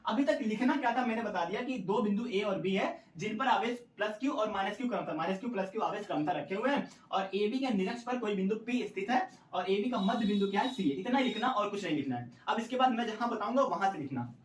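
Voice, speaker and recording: A man's voice: high-pitched, animated, fast, hardly any pauses, recorded from a distance. A young man teaching a physics derivation in a playful, dramatic way and cracking jokes as he goes. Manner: jokey, dramatic, switches into student voices. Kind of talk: playful classroom explanation. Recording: echoey room, away from the mic. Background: a dog barking.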